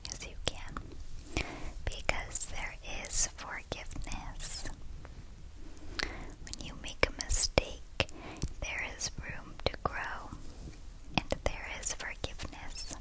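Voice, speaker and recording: Slow whispered pep talk from a woman. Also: low-quality recording. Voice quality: clicky, breathy unvoiced whisper. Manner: slow, repetitive, soothing encouragement. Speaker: ASMR host. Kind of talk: whispered pep talk, ASMR positive affirmations.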